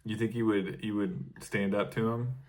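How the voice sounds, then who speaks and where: A low-pitched man chatting on a comedy podcast, with a deep, steady voice. He reads out news items in a deadpan way and breaks off for dry jokes. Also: normal speed. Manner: deadpan, reads news clippings aloud with wry asides. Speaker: podcast co-host. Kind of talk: casual comedic podcast chat.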